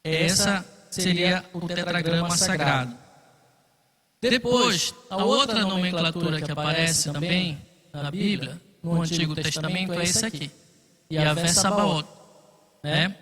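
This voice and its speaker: A man's voice: sits high, a bit bright, long reverb tail. A man teaching a Bible study class, explaining patiently and checking in often with his listeners. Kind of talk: classroom lecture.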